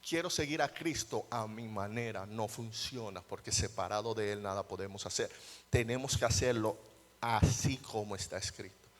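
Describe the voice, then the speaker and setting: A young adult male pastor preaching a sermon, dropping to quiet asides and rising to loud, high, mocking outbursts. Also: normal speed. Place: church hall. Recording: long church hall reverb.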